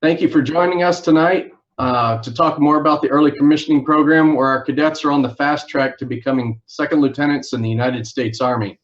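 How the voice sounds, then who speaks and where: A man working as a recruiting officer, hosting a live information session in a formal, orderly way with frequent filler pauses. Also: a little high, fairly even intonation, muffled recording. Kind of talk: formal livestream presentation.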